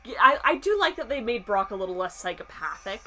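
A woman reacting casually while watching a show with a friend, with quick, lively remarks. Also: mid-range voice. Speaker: co-host. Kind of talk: casual watch-along chat.

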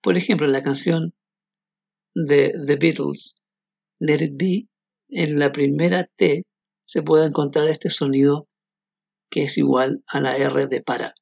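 A man teaching English pronunciation in a scripted podcast, explaining clearly and modeling words slowly. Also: a little high, steady tone, a little mellow, no room sound, dull audio.

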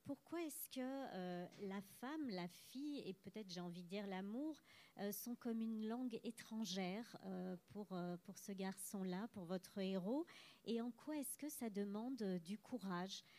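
A woman's voice: mid-range voice, a little slow, mellow. A woman interviewer asking polite, formal questions that she builds with care.

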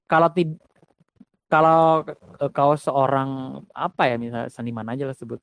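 A man talking about songwriting in a casual conversation, reflective and halting, restarting his sentences. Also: mid-range voice, little pitch movement, gravelly, a bit bright, smooth, no echo.

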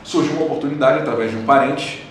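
A man's voice: medium pitch, fast. A man chatting casually as an interview guest, telling stories with hesitant restarts. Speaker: guest, engineer. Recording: roomy echo, distant from mic, faint noise.

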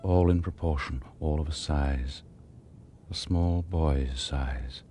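A man with a very deep, warm voice acts the part of a sinister, wry British storyteller narrating radio horror. He delivers it with deliberate dramatic pauses and dry relish in a macabre mood, with slight background noise.

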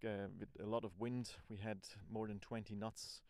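A man's voice: on the low side, little pitch movement, normal speed, darkish tone. A man speaking non-native English with a Swiss accent, rambling informally and thinking aloud as he records a casual audio diary as an amateur podcaster.

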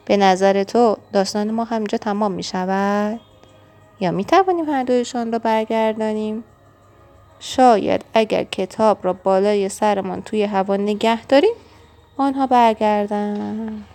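A woman reading a children's storybook aloud, expressive and engaging, speaking to the young listener. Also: mid-range voice, soft background music. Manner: warm, expressive and engaging, asks the listener questions.

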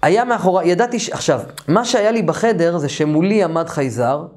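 A man teaching an online course, telling a first-person story in a lively, colloquial and emphatic way. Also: high voice.

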